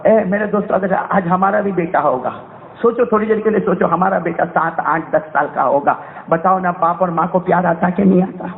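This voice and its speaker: Fervent male preacher with a high voice, emotional storytelling sermon that keeps quizzing the crowd, narrow phone-like audio. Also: creaky. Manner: fervent, repeatedly quizzes the audience. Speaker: Islamic preacher. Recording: tinny phone-like sound.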